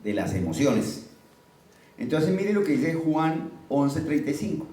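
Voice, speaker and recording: A man's voice: on the high side, sing-song, measured pace, dark tone, distant mic. Man preaching in a roomy hall. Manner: conversational teaching, asks listeners questions. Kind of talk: sermon.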